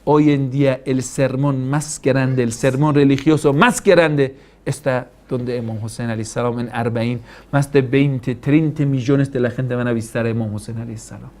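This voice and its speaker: A man's voice: mid-range voice, steady tone, normal speed, few pauses, darkish tone. A male cleric giving a religious class, asking the room questions and quoting Arabic passages before explaining them. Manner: preaching with rhetorical questions and Arabic quotations. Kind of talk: religious lecture.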